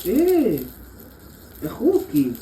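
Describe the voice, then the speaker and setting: Playful Egyptian dad, very lively pitch. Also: male voice, slow pace, a little hiss or hum, low-quality recording. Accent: Egyptian Arabic. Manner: playful and coaxing, laughs often. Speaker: father and vlogger. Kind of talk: family vlog, playing with young children.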